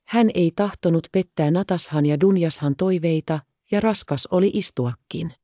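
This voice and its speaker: A woman reads a classic novel aloud in a calm, measured narration. Her voice is warm and slightly low, and the recording is dry with a somewhat dull lo-fi sound. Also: no echo. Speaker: audiobook narrator. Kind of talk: scripted narration.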